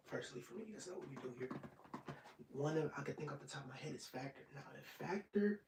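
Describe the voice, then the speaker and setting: A man of twenty-five hosting an ASMR live stream, chatting casually and rambling, sometimes dropping into soft whispers. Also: medium pitch, far from the mic. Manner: rambling and relaxed, drops into soft whispers at times. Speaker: ASMR channel host. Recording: roomy, off-mic sound with faint noise.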